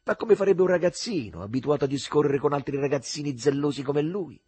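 A man's voice: fairly high pitch, lively intonation, brisk, mellow, husky, no echo, pitched above the performer's own voice. A man voicing a cheeky young Roman street boy with a Roman accent, joking cockily. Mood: teasing. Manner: joking, cocky banter.

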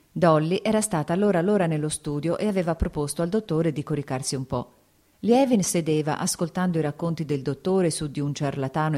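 Lower-voiced woman narrating a classic novel. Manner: steady, measured reading. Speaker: audiobook narrator.

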